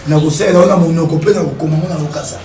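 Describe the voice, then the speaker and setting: A man's voice: fairly high pitch, steady tone, fast, dark tone, a little hiss or hum. Emphatic man, echoey and distant. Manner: emphatic, repeats phrases, rhetorical questions. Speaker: interview guest. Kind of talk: animated interview talk, mixing French and Lingala.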